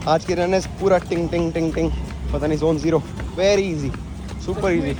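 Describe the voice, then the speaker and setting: Young male vlogger, slightly high voice, bilingual chatter, handheld camera with noisy background. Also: moderate pace. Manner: excitable, mixing Hindi and English, says "crazy" a lot. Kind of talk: casual vlog talk to camera. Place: outdoors at a shopping mall at dawn. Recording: noticeable background noise.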